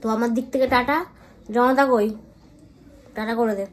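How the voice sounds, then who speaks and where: A woman's voice: on the high side, steady tone, moderate pace. A woman chatting casually to viewers in a home vlog. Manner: chatty, talks to viewers directly. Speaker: vlogger.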